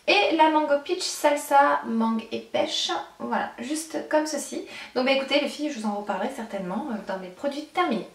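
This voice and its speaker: A young adult woman chatting casually through a shopping haul, with many fillers and restarts. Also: a little high. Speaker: beauty vlogger. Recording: echoey room, mic at a distance.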